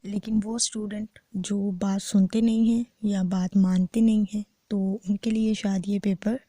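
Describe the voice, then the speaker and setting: Dark flat-voiced woman tutor. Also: mid-range voice, no room sound. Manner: steady explanatory teacher, reads questions out slowly. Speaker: law test tutor. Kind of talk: recorded exam-answer lecture.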